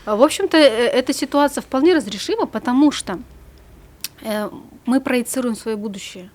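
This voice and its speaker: A woman psychologist, appearing as a guest in a studio conversation, explains things calmly at normal speed in a fairly high voice. Her phrases trail off softly at the ends.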